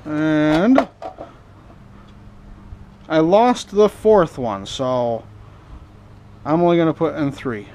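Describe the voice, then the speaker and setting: Extremely slow and pausing often, a man with a voice on the high side sounds animated and a little mellow, with a little hiss or hum in the background. The hobby repair and scrapping video host mutters folksy, informal asides to himself while rambling through a workbench repair.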